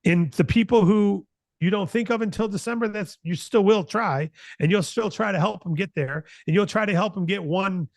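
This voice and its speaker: Speaking at a moderate pace with vocal fry, this American man in his late fifties has a voice that sits high, recorded with no echo. As the company founder hosting a broker announcement meeting, he delivers an earnest, conversational motivational business talk, repeating phrases to drive points home.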